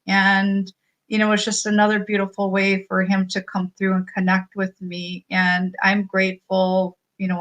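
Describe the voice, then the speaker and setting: An American woman speaking earnestly and reflectively, with emotion, in an informal spiritual message to her followers, often pausing and repeating phrases. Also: medium pitch, fairly bright tone, low-quality recording. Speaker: spiritual healer and coach.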